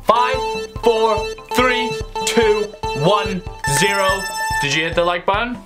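A man's voice: high voice, takes it slowly, loud music behind the voice. A young man from Singapore, upbeat and chatty, answering viewer questions in a casual vlog from his bedroom, talking straight to the camera. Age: young adult. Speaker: YouTuber. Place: small bedroom.

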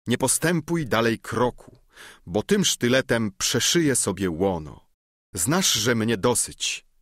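A man's voice: medium pitch, lively intonation, slow pace, fairly bright tone, no echo, clean studio sound. A man voicing a furious young noblewoman. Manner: vehement, declamatory outbursts. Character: impassioned young noblewoman feigning fury.

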